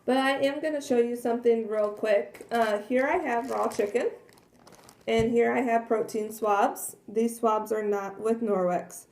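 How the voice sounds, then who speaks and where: A woman walks through a cleaning demonstration in a chatty, earnest way, slightly hoarse as she loses her voice. Her tone is soft and mellow. The sound rings around an echoey kitchen. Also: on the high side, steady tone, a little slow. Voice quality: frequent throat clearing and coughs. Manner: chatty, earnest, many fillers. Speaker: product demonstrator. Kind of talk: casual product demonstration. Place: kitchen at home. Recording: echoey room.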